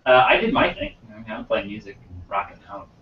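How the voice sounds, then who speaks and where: A man's voice: lowish voice, sing-song, fast, slight background noise. A man playing in a tabletop game, playful and hesitant with his words. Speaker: player. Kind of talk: casual tabletop game banter. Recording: distant roomy lo-fi recording.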